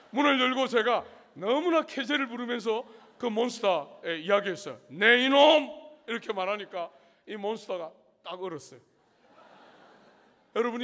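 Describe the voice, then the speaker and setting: A man's voice: sits high, fairly bright tone. A middle-aged male pastor preaching a sermon at a student conference, telling a story with humor and acting out the scene. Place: large university hall. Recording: long hall reverb.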